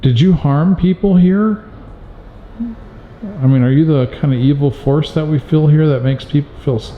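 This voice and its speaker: Inside an abandoned hospital, a man with a slightly high voice speaks at a moderate pace, putting firm, probing questions to a spirit as part of a paranormal investigation. The recording is roomy and dull, like a hall.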